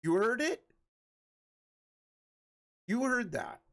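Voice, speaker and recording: A man's voice: very high-pitched, sing-song, very slow, fairly bright tone. A man in his forties chatting casually with his livestream viewers, rambling and laughing often. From Michigan. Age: 40s. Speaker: livestream host.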